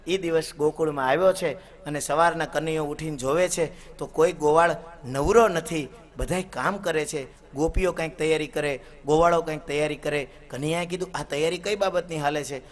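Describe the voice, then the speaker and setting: A man preaches a devotional story sermon in a high, bright, forceful voice. He chants Sanskrit verses along the way and voices the characters' lines himself. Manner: voices characters in dialogue while narrating. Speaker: katha preacher.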